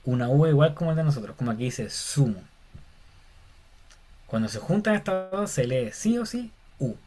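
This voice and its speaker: A man's voice: medium pitch, lively intonation, normal speed, mellow. A man teaching a Bible Greek lesson, explaining step by step in an informal, friendly way and calling listeners "hermano". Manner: casual, addresses listeners as "hermano", many fillers. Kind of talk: informal lecture.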